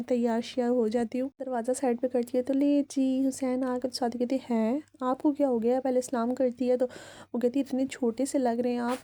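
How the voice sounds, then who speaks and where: A woman's voice: on the high side, dark tone. A woman, casually retelling a vlog and quoting what each person says. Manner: chatty retelling with quoted dialogue. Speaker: fan channel narrator recapping a vlog. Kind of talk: casual recap narration of a vlog.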